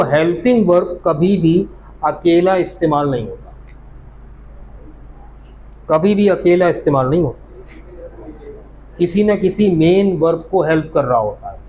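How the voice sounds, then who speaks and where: A man's voice: sits high, a little hiss or hum, poor audio. A man teaching English grammar in a classroom. He speaks with a lilt and quizzes his students as he explains. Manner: explains patiently, asks the class questions. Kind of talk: classroom lecture.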